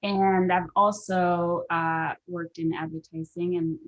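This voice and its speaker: A woman from Denmark speaks as a guest over a video call, circling her points with many hesitant fillers. Her voice is a bit low, and the call audio comes through dull and lo-fi. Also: flat delivery, takes it slowly. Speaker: guest, deck co-creator. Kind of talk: casual video-call interview.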